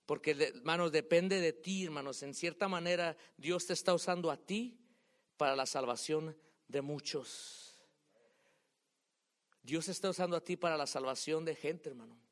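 A man preaching a sermon to his congregation, swinging between loud calls and quiet asides, dropping English words into his speech. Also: a little high, moderate pace. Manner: rises and drops in loudness, mixing English words in.

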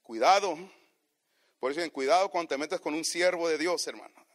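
A man preaching a sermon, addressing the congregation as brothers, swinging from quiet low asides to loud shouted climaxes. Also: brisk.

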